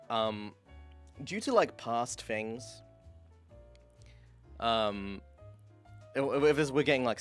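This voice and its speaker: A young man chatting casually on a livestream, frank and quick to laugh, swearing when something goes wrong. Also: medium pitch, fairly bright tone. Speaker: streamer host.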